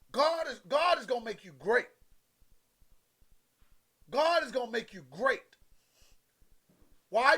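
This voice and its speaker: A man's voice: very high voice, a bit bright. A man giving a motivational sermon, preaching emphatically and repeating his points, with a conversational, folksy way of talking to his listeners. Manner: emphatic, repetitive preaching with direct address to listeners.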